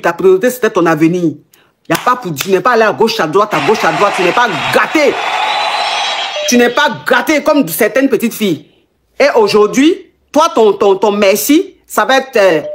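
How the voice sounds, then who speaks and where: A woman hosting as a relationship coach, giving informal advice emphatically and repeating phrases for effect. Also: medium pitch. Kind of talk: informal advice on a live call-in show.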